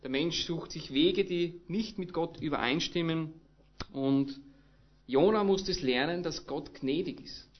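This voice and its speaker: A man's voice: a little high, a little slow, dull audio. A man with an Austrian accent preaching a sermon, retelling a story with acted-out dialogue and casual dialect words. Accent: Austrian German.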